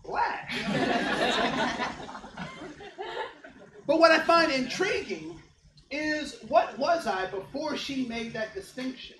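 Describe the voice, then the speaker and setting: A man's voice: very high voice, lively intonation, slow pace, pauses often, pushed and bright. A man in his fifties from Ohio, giving an interactive, joking workshop talk to a live audience and often checking in with them. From Ohio, United States. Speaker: diversity trainer. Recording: echoey room, faint background hum.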